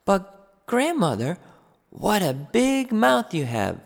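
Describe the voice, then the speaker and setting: A man's voice: sits high, huge pitch swings, slow, gravelly, long reverb tail, voice pushed up, full character voice. A man reading a storybook aloud, voicing a sweet, innocent little girl who speaks politely and eagerly.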